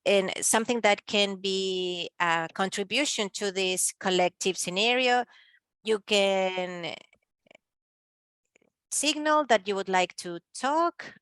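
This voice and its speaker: A woman giving simultaneous interpretation of a panel discussion, speaking haltingly with pauses and filler sounds. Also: mid-range voice, a bit bright, clear, resonant tone, dry recording.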